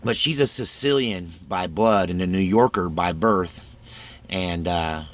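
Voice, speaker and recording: A man talks straight to his audience as the host of his own show. His delivery is a casual, rambling monologue full of restarts, in a somewhat low voice. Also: unhurried, fairly bright tone. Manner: rambling, conversational, with frequent restarts. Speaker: channel host.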